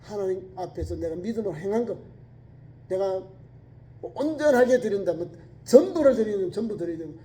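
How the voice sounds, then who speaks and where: A middle-aged man preaching a sermon in a church, swinging between loud exclamations and soft low asides and acting out quoted speech. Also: lively intonation, a little fast. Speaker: pastor. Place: church sanctuary.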